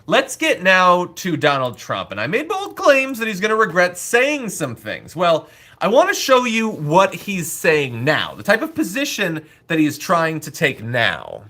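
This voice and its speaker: A man gives casual, opinionated political commentary as a show host. His voice sits fairly high and swings widely in pitch, with a sharp, bright edge. He is sarcastic and exasperated, and swears easily. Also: wildly swooping pitch, measured pace.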